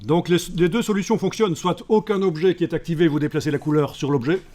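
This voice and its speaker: Joking Belgian French teacher. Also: male voice, a little high, fast, warm tone. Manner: joking asides to students. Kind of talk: live software class.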